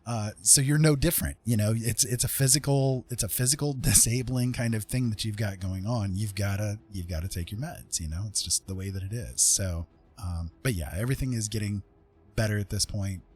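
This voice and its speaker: With faint music underneath, a man hosting a livestream rambles conversationally to his audience. His voice sits fairly low and is a bit quick, a touch mellow and slightly rough.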